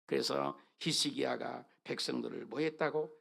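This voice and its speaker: A man's voice: medium pitch, steady tone, normal speed, creaky, fairly bright tone. A man preaching a sermon as pastor, emphatic and constantly quizzing his congregation as they read scripture together. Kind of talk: sermon with call-and-response scripture reading. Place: church sanctuary.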